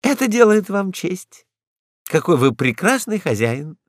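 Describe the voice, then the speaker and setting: A man's voice: high voice, very animated, unhurried, dry recording, clean studio sound, voice pushed up. A man voicing a cheeky, sly female stray dog in a storybook reading, coy and ingratiating.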